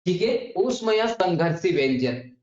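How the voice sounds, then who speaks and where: A man's voice: high voice, expressive, unhurried, darkish tone. A male teacher giving an exam-prep grammar lesson, asking his students questions and answering them himself, and addressing them fondly. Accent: Hindi heartland. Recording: dull echoey classroom audio.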